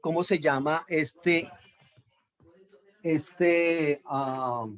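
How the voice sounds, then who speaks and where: A man's voice: a little high, steady tone, extremely slow, fairly bright tone. A man teaching a Bible lesson on Hebrew accent marks, explaining patiently, repeating key terms and checking in with his listeners.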